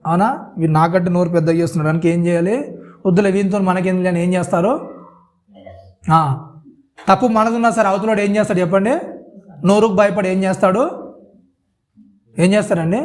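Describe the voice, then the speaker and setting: A man preaching a sermon, constantly asking his listeners questions and repeating "isn't it so?". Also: sits high.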